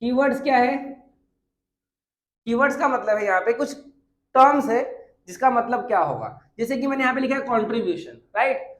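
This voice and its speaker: A man's voice: very high voice, lively intonation, fairly quick. A man teaching a commerce class at a whiteboard in Hindi mixed with terms. He asks his own questions and answers them, and repeats every key point. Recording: echoey room.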